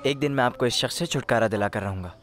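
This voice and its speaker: A man's voice: mid-range voice, quick pace, faint music behind, close to an everyday voice. An actor dubbing an earnest, determined young man set on leaving home. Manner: earnest, resolute. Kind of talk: Urdu film dubbing.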